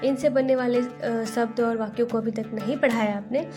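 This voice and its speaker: A woman's voice: on the high side, steady tone, normal speed, over music. A woman teaching a Hindi lesson, sounding out syllables and repeating each word twice. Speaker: home tutor teaching Hindi to parents. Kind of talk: slow spelled-out lesson.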